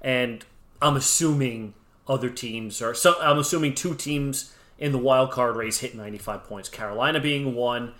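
A man's voice: mid-range voice, moderate pace. A man co-hosting a casual sports podcast, arguing his point with jokes, his voice jumping up when he gets worked up. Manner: argumentative, jokey, voice jumps up when excited. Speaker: podcast co-host and blogger.

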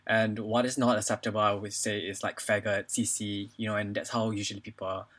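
Speaking briskly in a fairly low, fairly bright, level voice, a young Singaporean man in his twenties chats casually about personal matters on a podcast. His phrasing is halting and heavy with "you know" and "like" fillers.

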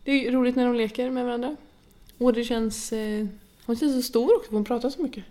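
Chatty Swedish woman telling family stories. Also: fairly high pitch. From Sweden. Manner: chatty, animated storytelling. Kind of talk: casual chat.

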